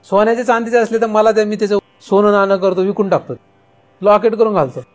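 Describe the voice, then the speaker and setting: A man's voice: high voice, fairly even intonation, fast talker. A man with a Marathi accent giving a spiritual discourse, asking rhetorical questions and answering them himself. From India. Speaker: spiritual teacher. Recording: faint music in background.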